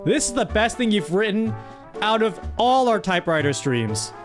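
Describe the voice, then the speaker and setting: Over background music, a man with a high voice and wide pitch swings hosts a casual livestream story game where chat writes the tale. At a moderate pace he reads the entries aloud and remarks on them with playful mock-exasperation.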